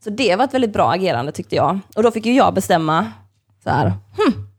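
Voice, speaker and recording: Young female podcast host, mid-pitched and chatty, swears a lot, acts out quotes in her stories. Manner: animated storyteller, swears freely, acts out other people's lines; heavy use of fillers like "like" and "kind of". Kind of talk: casual podcast chat.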